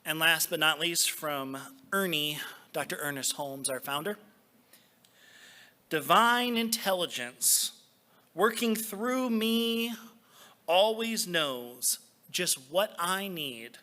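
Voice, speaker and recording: In a church sanctuary, a man acting as a spiritual practitioner offers devotional readings and prayer, speaking in slow, deliberate phrases broken by pauses. His voice sits fairly high and sounds bright and forceful.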